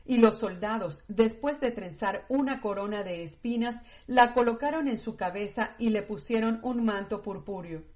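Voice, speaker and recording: Measured woman reading scripture. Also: on the high side. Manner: measured, steady, unhurried. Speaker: scripture reader. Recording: dull lo-fi audio.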